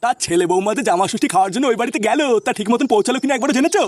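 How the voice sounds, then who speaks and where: A man's voice: extremely high pitch, very fast. A man voicing a grumpy, suspicious, foul-mouthed middle-aged father in a cartoon. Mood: grumbling. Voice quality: excitable, scolding, foul-mouthed. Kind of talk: cartoon voice acting.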